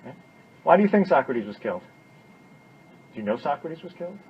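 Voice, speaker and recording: A man with a fairly high, sing-song voice lectures briskly at a university. His classroom delivery is informal and emphatic, with repetition and frequent "right?" check-ins. The sound is a dull, noisy, lo-fi classroom recording.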